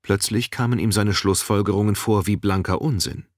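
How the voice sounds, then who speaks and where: Low-voiced male audiobook narrator. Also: steady tone, normal speed, no echo, studio quality.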